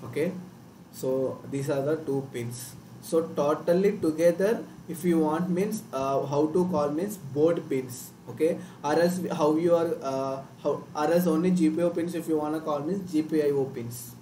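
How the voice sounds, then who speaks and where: A man's voice: a little high, moderate pace, dark tone. A man with a Telugu Indian accent, a native Telugu speaker, explaining like a live online tutor in a repetitive way. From Telugu-speaking South India. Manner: repetitive, checks understanding with tag words. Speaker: online workshop instructor. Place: indoor room, live screen-share stream. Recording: roomy, distant mic, faint noise.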